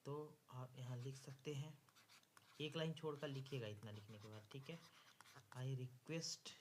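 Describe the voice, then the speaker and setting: Unhurried and medium-pitched, this Indian-accented teacher walks through an exam lesson instructively, saying each phrase again word by word while writing it down. Slight background noise is audible.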